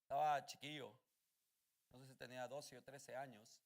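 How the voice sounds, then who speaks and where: A male pastor preaching a fervent sermon, moving between calm storytelling and loud shouted calls to his congregation. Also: mid-range voice, moderate pace.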